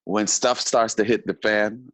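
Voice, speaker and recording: A man, an actor, talking casually as an interview guest, halting and often repeating his words. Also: on the low side, steady tone, no echo.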